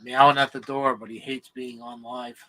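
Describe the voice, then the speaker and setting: A man talks informally in a live group chat. His voice is bright and a little sharp-edged, at a middling pitch. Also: flat delivery, moderate pace, rough recording. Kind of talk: casual chat.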